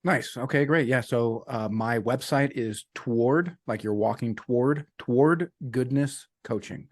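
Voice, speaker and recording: As a business and life coach guest in a casual interview, a man speaks earnestly, repeating his key sayings and sprinkling in "man" and "you know." His mid-range voice is unhurried, recorded at studio quality with no echo.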